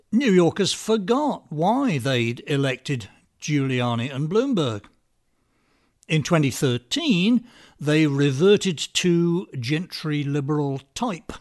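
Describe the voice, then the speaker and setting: A man giving scripted political commentary with a dry, sardonic, measured delivery. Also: fairly high pitch. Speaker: podcast commentator.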